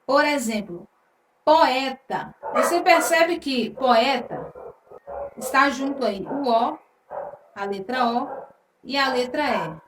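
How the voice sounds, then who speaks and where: Brief: woman, teacher, high bright pitch, unhurried patient delivery, echoey room mic set back. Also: expressive, far from the mic, background noise. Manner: slow, patient, drawn-out words, frequent "tá?". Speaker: Portuguese teacher. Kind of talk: exam-prep grammar lesson.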